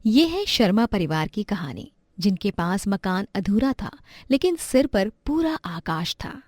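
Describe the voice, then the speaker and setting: A woman narrating a moral story in a gentle storybook manner. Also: mid-range voice, big pitch swings, a little slow, dry recording. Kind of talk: scripted narration.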